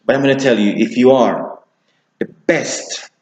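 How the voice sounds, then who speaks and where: A man's voice: medium pitch, fairly even intonation, darkish tone, slight background noise. Man coaching public speaking, echoey room. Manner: shifts pace deliberately, slowing for emphasis. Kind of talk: instructional talk to camera.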